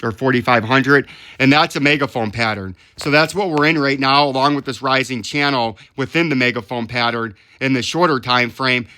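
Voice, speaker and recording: Hosting a market analysis channel, a man talks through charts step by step in live technical commentary, explaining as he goes and often checking in with "right?". His voice is medium-pitched, sharp and clean, at a moderate pace.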